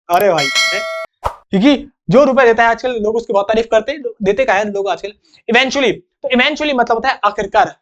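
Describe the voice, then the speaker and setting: A man's voice: very high voice, muffled recording. A young man teaching an English vocabulary lesson in a chatty, joking way, acting out little examples.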